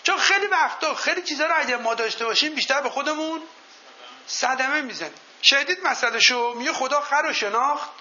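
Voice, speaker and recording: A man's voice: very high-pitched, sharp tone. A man giving a motivational seminar talk in a room with a live audience, telling folk anecdotes and quizzing the listeners. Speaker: motivational speaker. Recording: dull lo-fi recording.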